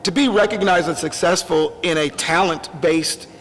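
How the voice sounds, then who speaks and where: A man being interviewed, talking in an animated, preachy way and repeating phrases for emphasis. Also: on the high side, moderate pace, slight background noise. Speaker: guest, record producer. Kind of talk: casual interview chat. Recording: long hall reverb.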